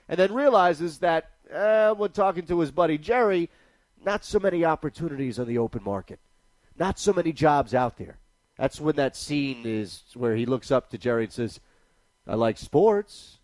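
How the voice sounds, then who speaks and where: A male sports radio host speaks with an indignant, emphatic edge, delivering commentary into a studio mic. His voice sits a little high for a man, and the sound is close and dry. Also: expressive, moderate pace, darkish tone, dry recording.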